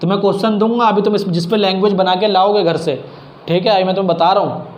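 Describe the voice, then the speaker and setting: The clip is muffled and echoey with faint background noise. A male math tutor with a high, fairly even voice talks fast, teaching informally step by step and sprinkling in English math terms.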